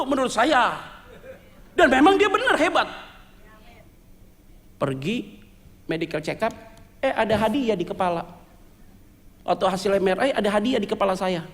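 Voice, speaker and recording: Man, pastor, very high voice, lively joking sermon, echoing church hall. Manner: lively storytelling with jokes, mixing Indonesian slang and English words. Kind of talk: sermon testimony. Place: church sanctuary.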